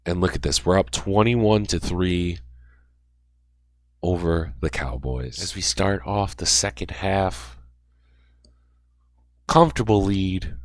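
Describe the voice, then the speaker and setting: Young male gamer, low voice, dry close mic, calls plays like a sportscaster and rambles. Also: no room sound. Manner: excited sportscaster-style calls, rambling asides. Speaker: gaming YouTuber. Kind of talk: play-by-play commentary over a video game.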